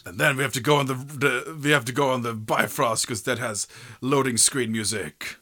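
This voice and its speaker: A man's voice: mid-range voice, steady tone, moderate pace, pushed and bright. A man narrating a tabletop game casually as game master, informal and joking, with sweary asides.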